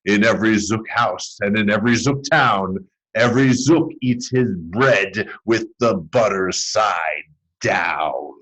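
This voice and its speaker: A man's voice: fairly low pitch, slow pace, fairly bright tone, breathy edge, exaggerated voice, rough recording. A man voicing a very old, earnest and indignant grandfather in a storybook, grave and emphatic. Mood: grave warning.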